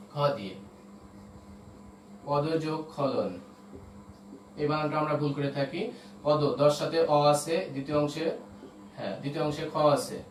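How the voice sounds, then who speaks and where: A man teaching an online class, explaining step by step and often checking that his students follow. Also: a little high. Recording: roomy echo, voice from a distance, faint noise.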